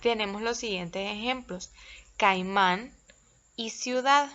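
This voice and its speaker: Slow, careful woman teacher. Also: mid-range voice, sharp tone, muffled recording. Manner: slow, careful, spells out syllables. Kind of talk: recorded classroom lesson.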